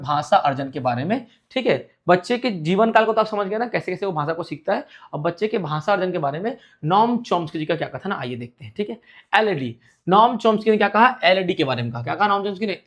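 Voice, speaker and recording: A man's voice: sits high, a bit bright. A male teacher giving an exam-prep lecture. He asks his students a question, answers it himself, and repeats the key points.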